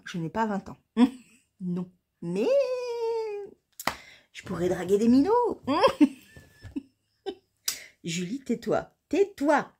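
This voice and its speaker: A woman's voice: lowish voice, darkish tone. Chatty, laughing woman in her forties. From France. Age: 40s. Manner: chatty, laughs often, vents with swearing. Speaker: knitting vlogger. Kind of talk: casual chat to camera.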